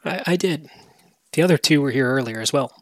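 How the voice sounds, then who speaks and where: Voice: mid-range voice, expressive, fairly quick, no room sound, lightly acted. A game master voicing a helpful woman shopkeeper. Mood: earnest.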